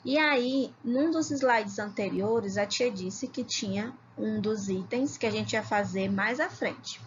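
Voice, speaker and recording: A woman from Ceará teaching a children's video lesson, calling herself "tia" and sounding out words slowly, syllable by syllable. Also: mid-range voice, lo-fi sound, a little hiss or hum. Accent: Brazilian Portuguese, Ceará. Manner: slow, syllable-by-syllable reading, calls herself "tia". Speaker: primary school teacher.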